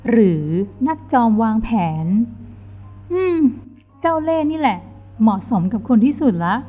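A woman voicing a gentle young female chef who speaks politely and softly, in a dull lo-fi recording with faint music. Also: on the high side, expressive, measured pace, voice pushed up. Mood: teasing.

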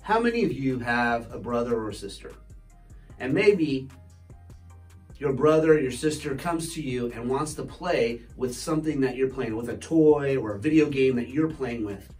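A man's voice: mid-range voice, animated, moderate pace, a little mellow, faint music behind. A male pastor teaching a children's lesson, talking directly to kids and asking them questions. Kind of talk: children's sermon.

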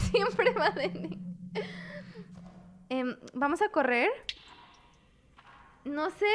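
A young woman streaming a horror game, jumpy and exclaiming at scares while talking to her chat. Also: high-pitched. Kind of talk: gaming commentary.

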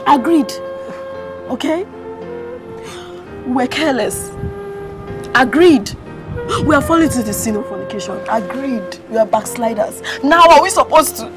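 A woman's voice: high voice, animated, unhurried, long pauses. An actress playing a devout young churchwoman who speaks with reproach and emphasis. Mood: indignant. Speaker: actress in a gospel film. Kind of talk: film drama acting. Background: background film music.

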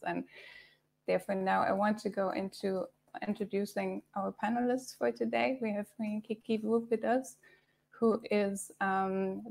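Soft-spoken woman moderating a video panel. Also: mid-range voice, gravelly. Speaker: host.

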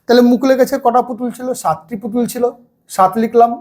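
A man's voice: very high-pitched, steady tone, fast talker, a little mellow. A man, teaching first-grade maths in a casual video lesson, patient and step by step with everyday examples. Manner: clears throat now and then.

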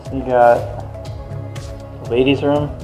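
A man's voice: mid-range voice, flat delivery, unhurried, music in the background. Man leading a casual ghost hunt. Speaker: paranormal investigator leading a group. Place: indoors in a dark theater.

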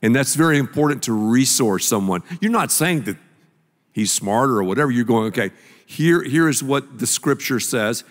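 Speaking into a handheld mic on a big church stage, an older pastor narrates a story as part of a sermon dialogue. He has a mid-range voice with lively intonation and a moderate pace, and long hall reverb fills the recording.

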